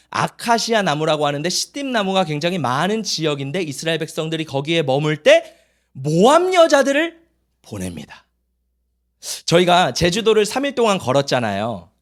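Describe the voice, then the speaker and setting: A man's voice: sits high, a bit bright. A male pastor preaching a Sunday sermon, telling stories and acting out children's voices.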